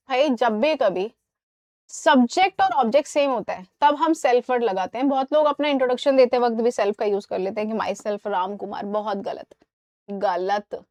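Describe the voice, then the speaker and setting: A woman English teacher giving a live online class, explaining in Hindi and reading English examples slowly, often checking that students follow. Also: high-pitched, fairly bright tone, dry recording, studio quality. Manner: asks students questions and checks understanding.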